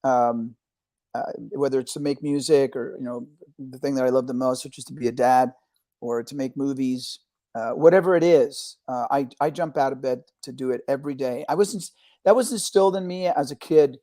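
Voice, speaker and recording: A man's voice: medium pitch, moderate pace, mellow, dry recording, studio quality. A middle-aged man from Argentina, a film director talking energetically as an interview guest, often restarting his words. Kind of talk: casual interview talk.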